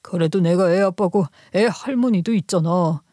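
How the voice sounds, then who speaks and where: A woman's voice: mid-range voice, a little fast, darkish tone, no echo, lightly acted. A whining, self-pitying middle-aged ex-husband, put on by a woman narrator in a story radio drama, pleading and wheedling in a plain mid-range voice. The sound is dry and close, with no room around it. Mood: begging.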